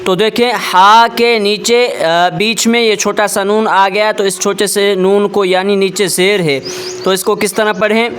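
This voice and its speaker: A man teaching a tajweed lesson, explaining word by word and then reciting verses slowly and drawn out, often checking in with his listeners. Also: high voice, steady tone, fairly bright tone, clean tone. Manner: checks in with repeated rhetorical questions.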